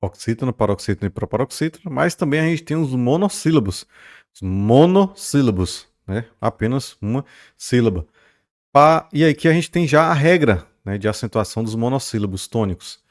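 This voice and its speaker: Speaking briskly with a medium pitch and lively intonation, a man walks students through a recorded grammar lesson. His style is explanatory, punctuated by frequent "beleza?" and "né?" check-ins, and he lengthens stressed syllables to model words.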